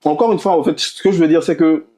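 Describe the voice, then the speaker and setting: A male host keeps a relaxed faith conversation going. He backs up his guest with frequent yeahs and says things twice. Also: fairly high pitch, fast talker. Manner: encouraging, frequent affirmations, repetitive. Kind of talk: casual faith podcast conversation.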